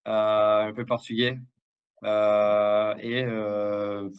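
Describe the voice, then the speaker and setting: A man with a lowish, resonant, clear voice speaks very slowly and flatly, the recording lo-fi. He is a native Spanish speaker from Mexico whose Mexican accent is mixed with Québécois French, appearing as an international development director in a live interview. He talks hesitantly, full of fillers and repeated words.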